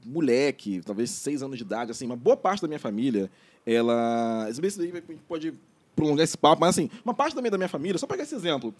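A man with a Brazilian Portuguese accent telling stories in casual chat, animated and laughing often. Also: fairly high pitch, fast.

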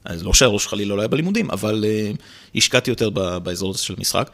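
A man who is a stand-up comedian, telling stories in a casual interview with a slightly rolled r and animated impressions. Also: lowish voice. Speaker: guest, stand-up comedian and actor.

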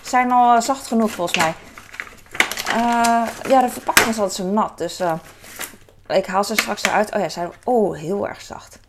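A woman's voice: medium pitch, moderate pace, heavy background noise. A woman in her thirties, a mother, chatting casually and hesitantly while showing her grocery haul. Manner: chatty, rambling, many hesitations. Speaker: vlogger.

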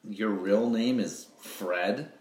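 A man's voice: fairly low pitch, drawn-out words, darkish tone. A man reading the part of an incredulous jellyfish in a children's storybook, questioning and disbelieving. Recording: echoey room with faint noise.

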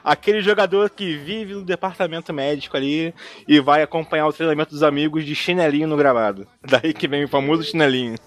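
A man's voice: fairly high pitch, fairly even intonation, quick pace. A man with a Brazilian Portuguese accent hosting a casual football podcast, talking in a joking, colloquial way full of tag questions. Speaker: podcast host.

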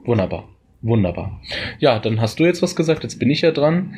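A man's voice: on the high side, brisk, a little mellow, slight background noise. A man co-hosting a casual podcast chat, joking and rambling in playful asides. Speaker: podcast co-host.

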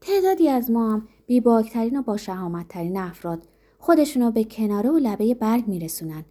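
A woman narrating a novel in the first person, reading in a steady, measured literary way. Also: on the high side. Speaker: audiobook reader.

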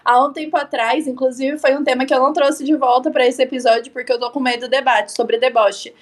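A woman's voice: high-pitched, fairly even intonation, brisk. A woman co-hosting a podcast, chatting casually with jokes and enthusiasm. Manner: enthusiastic, joking. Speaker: podcast co-host.

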